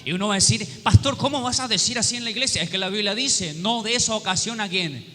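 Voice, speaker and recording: A fast-talking pastor with a high, pushed, bright voice puts questions to his congregation in call-and-response fashion, mixing in humorous acted-out quotes. The church hall gives a long reverb, with faint room noise underneath.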